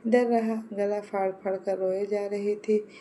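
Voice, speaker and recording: A woman storyteller giving a steady, expressive scripted narration of a romance story. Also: mid-range voice, measured pace, a little hiss or hum.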